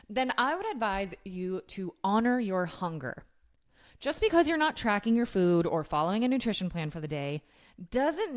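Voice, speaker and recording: A woman hosting a solo podcast, giving scripted fitness advice in a casual, blunt, sweary way. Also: mid-range voice. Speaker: podcast host giving fitness and nutrition tips.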